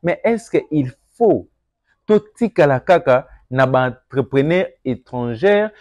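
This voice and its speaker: A young Congolese man with a Congolese French accent giving an earnest address to viewers, moving between calm reflection and emphatic appeals. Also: medium pitch, measured pace, no echo. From Democratic Republic of the Congo. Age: young adult. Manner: earnest, rising to emphatic, mixes French and Lingala. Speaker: political commentator.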